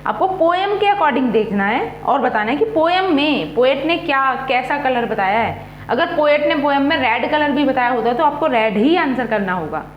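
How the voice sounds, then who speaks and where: A woman's voice: high voice, expressive, normal speed, roomy sound, a little hiss or hum. A woman teacher running an exam-prep quiz, mixing Hindi and English as she reads each question, repeats the options and then gives the answer.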